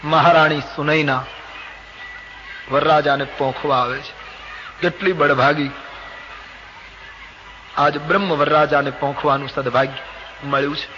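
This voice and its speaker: An older man with a Gujarati accent, telling a devotional scripture story and acting out the characters' lines with expression. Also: fairly high pitch. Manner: expressive, acts out dialogue of gods and characters. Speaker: storyteller preacher. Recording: dull lo-fi old recording with faint hiss.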